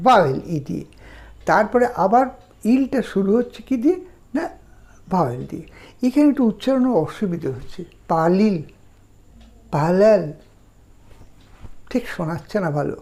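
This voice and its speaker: A woman teaching a language lesson, explaining grammar patiently and drilling example phrases slowly and deliberately. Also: lowish voice, creaky, warm tone.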